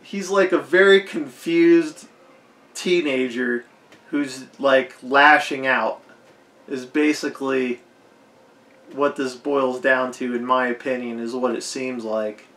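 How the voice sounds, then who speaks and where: A man with a hoarse, fading voice giving a rambling, unscripted movie commentary, leaning hard on "like". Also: a little high, bright, forceful tone. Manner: rambling, heavy use of "like". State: hoarse, losing his voice. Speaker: film commentator. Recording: echoey roomy recording.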